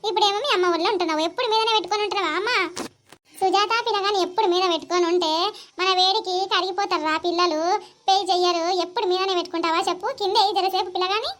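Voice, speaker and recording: A woman's voice: very high-pitched, fairly even intonation, very fast, fairly bright tone, a little hiss or hum. A woman performing a village comedy skit, talking in a chatty, teasing way. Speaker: comedy skit creator voicing all parts.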